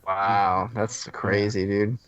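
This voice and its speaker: A man's voice: on the low side, level tone, slow pace, a bit bright, clean tone, no room sound, highs cut off. A man co-hosting a podcast in casual, conversational chat. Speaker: podcast co-host.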